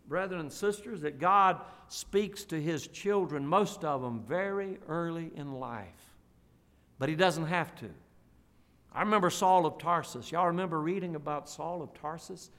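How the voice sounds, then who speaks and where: A man preaching a sermon as pastor, slow emphatic drawn-out phrases and folksy asides. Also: high voice, fairly bright tone. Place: church auditorium. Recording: long reverb of a church hall.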